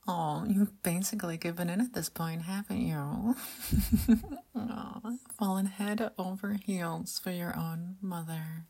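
A woman playing a doting, seductive mother figure in an intimate audio roleplay, talking softly in murmurs and whispers with hums and light laughs. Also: lowish voice, slightly rough, full character voice. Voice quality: soft, whispery. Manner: slow, murmuring, teasing, with frequent hums and soft laughs.

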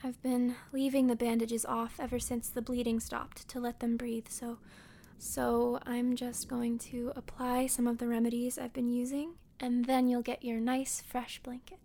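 A woman voices a lonely hermit woman nursing a hurt stranger, teasing him softly as she works. Her voice sits a little high, with a gravelly fry at the ends of her phrases. She often sinks into a gentle half-whisper, with a faint hiss of noise behind her. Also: flat delivery, a little slow. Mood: caring. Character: teasing hermit woman tending a wounded man. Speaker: audio roleplay performer. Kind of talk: audio roleplay addressed to the listener.

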